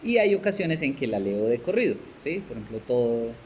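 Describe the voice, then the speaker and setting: A man with a Colombian Spanish accent teaches a discipleship class conversationally, often asking "¿cierto?" and "¿sí?", laughing now and then, and acting out little scenes. His voice is mid-range, brisk and a little mellow, with big pitch swings. There's slight background noise.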